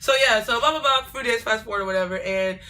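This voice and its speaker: A young woman chats through a casual storytime vlog. Her voice is bright and forward, and she tells the story in an animated, digressive way, looping back over the same phrases. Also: on the high side, quick pace, a little hiss or hum. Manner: animated, digressive, repeats herself. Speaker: vlogger.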